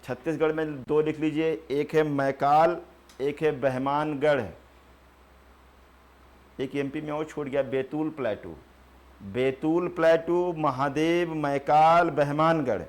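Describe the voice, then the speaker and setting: Guy teaching geography, kinda high voice, repeats words slow so u can write. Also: steady tone, a little mellow. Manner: repeats key terms slowly for students to write; asks the class questions and answers himself. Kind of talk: classroom geography lecture.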